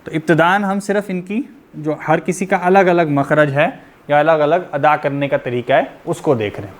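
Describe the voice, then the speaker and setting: A man teaches tajweed to a class, patiently explaining and demonstrating each letter sound and often checking in with "theek hai." His voice is on the high side at a normal pace.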